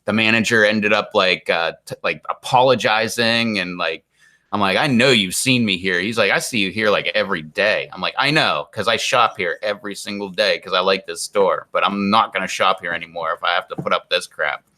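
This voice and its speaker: A man in his 40s hosts a live stream, talking briskly in a low-pitched voice that is bright and forceful. He rambles to his viewers in a casual, exasperated manner, with "like" in almost every phrase.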